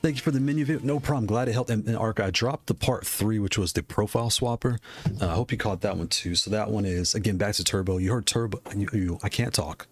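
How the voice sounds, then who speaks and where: A man with a fairly low voice talks quickly and casually on a live stream, soft music playing behind him. He rambles, shouts out viewers in chat and laughs often, his voice worn because he's losing it.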